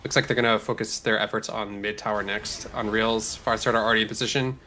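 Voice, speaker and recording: A man's voice: on the low side, flat delivery, fast talker, bright, forceful tone, a little hiss or hum. A man giving analytical live esports commentary in an explanatory way, breaking down strategy.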